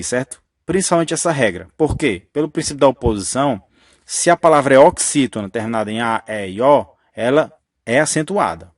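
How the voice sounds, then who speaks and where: A man explains grammar rules in a patient, step-by-step teaching voice that keeps restating the key point. His pitch sits in an ordinary middle range. The sound is dry and close, with no room around it. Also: no echo.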